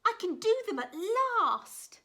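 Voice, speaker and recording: A woman voicing an excited young male gosling who is learning to fly. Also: very high-pitched, slow pace, pitched above the performer's own voice, heavily acted. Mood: eager. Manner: squealing, boastful.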